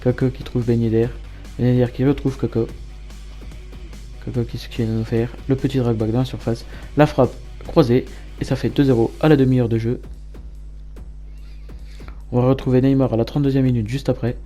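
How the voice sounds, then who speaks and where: Flat, dark-voiced man commentating football gameplay. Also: medium pitch, a little fast, pauses often, faint music behind. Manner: matter-of-fact play-by-play in present tense. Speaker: gamer narrating his match highlights.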